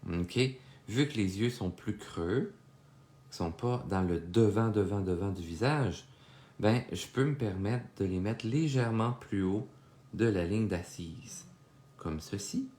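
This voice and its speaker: A man's voice: on the low side, expressive, measured pace, a little mellow, reverberant. A young man with a Québécois accent, chatting casually with viewers while teaching a drawing lesson live, full of fillers and asides. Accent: Québécois French. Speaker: drawing instructor. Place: home studio.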